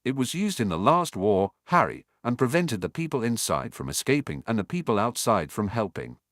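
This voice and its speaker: A man voicing a clever, bossy teenage girl witch who speaks in measured tones, in a fan audiobook. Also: mid-range voice, big pitch swings, a bit bright, no room sound, studio quality. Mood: explaining. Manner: measured, retorting.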